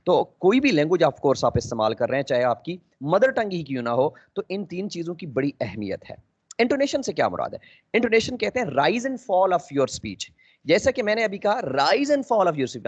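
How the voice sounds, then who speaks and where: A man giving a spoken English lesson, explaining step by step, mixing in English phrases and pausing with fillers. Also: fairly high pitch. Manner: explanatory, mixes English phrases, frequent 'uh' pauses. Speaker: English teacher. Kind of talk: lecture lesson. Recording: dull lo-fi audio.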